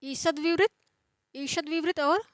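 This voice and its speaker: A young woman gives a Sanskrit grammar lesson in a high, bright voice. She explains step by step, circling back to rephrase each term. The sound is dry and close, with no room around her. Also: takes it slowly, no echo. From India. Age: young adult. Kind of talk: explanatory lecture.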